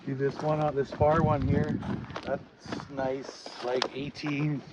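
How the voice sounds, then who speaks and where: A man chatting casually outdoors as he explains his building work, often pausing to think aloud. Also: medium pitch, flat delivery. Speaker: log cabin builder and vlogger. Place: outdoors at a cabin building site. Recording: muffled, noisy outdoor camera audio.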